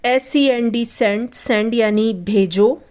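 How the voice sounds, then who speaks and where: A woman's voice: a little high, slow, darkish tone. A Hindi-speaking woman teaching vocabulary, spelling each word letter by letter and asking questions she then answers herself. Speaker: English teacher. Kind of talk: spoken vocabulary lesson.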